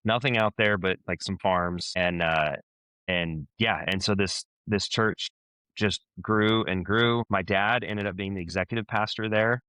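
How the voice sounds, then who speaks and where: A man with a lowish voice tells relaxed stories as a guest on a chat show, often restarting his sentences. He grew up in Southern Oregon, and the sound is close and dry. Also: measured pace, smooth, no room sound. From Southern Oregon, USA. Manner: easygoing storytelling with many restarts. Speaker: guest musician. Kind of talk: casual chat.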